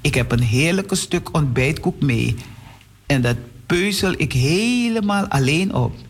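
A man's voice: fairly high pitch, lively intonation, measured pace, breathy edge, full character voice. A man voicing a selfish schoolboy in a children's story who mumbles his mocking replies.

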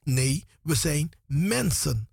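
Guy hosting church radio in a small studio, bit high pitched, dry sound, lots of ehms. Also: expressive, gravelly, darkish tone, breathy edge, no room sound. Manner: preachy, halting with many fillers.

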